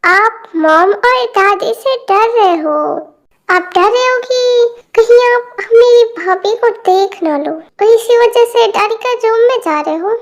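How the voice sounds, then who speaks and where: A woman voicing a cheeky young sister in an amateur fan dub, whiny and teasing with quick comebacks. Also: very high-pitched.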